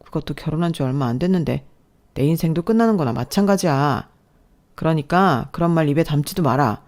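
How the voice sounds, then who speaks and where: A cold, self-serving young husband, read by a woman who lectures and reproaches his wife in a scripted story narration. The voice is low-pitched and mellow. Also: animated, brisk. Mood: lecturing.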